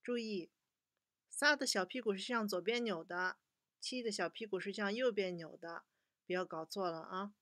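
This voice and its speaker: A young woman teaching a children's language lesson, patiently slowing down to model each word for repetition. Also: medium pitch, a bit bright, no echo, studio quality.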